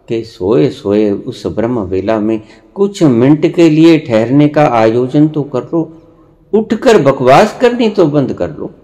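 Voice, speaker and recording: A male spiritual teacher delivers a slow sermon with lively rising and falling pitch and a stern, lecturing tone. Deliberate and full of long pauses broken by sudden emphatic rises, he rebukes and lectures his listeners directly in this spiritual discourse.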